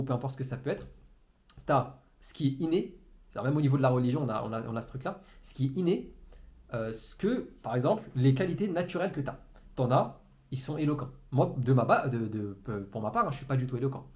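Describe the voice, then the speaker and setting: A man, an entrepreneurship trainer, giving a motivational talk to a camera in a room, talking very fast and stumbling and repeating words as he goes. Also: medium pitch, lively intonation, a little mellow. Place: room, indoors. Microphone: camera in front of him.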